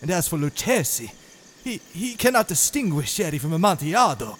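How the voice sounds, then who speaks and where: Fields: a man playing a tipsy wine snob, eager and loud. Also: on the high side, fairly quick, a little hiss or hum. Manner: excited, repeats himself eagerly. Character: drunken boastful male wine connoisseur, middle-aged. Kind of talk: audio drama acting.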